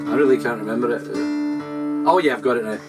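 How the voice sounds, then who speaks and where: A Scottish man performing a live-streamed show, chatting casually between songs in a rambling, halting way with many fillers. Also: medium pitch. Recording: distant mic in a live room. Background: acoustic guitar.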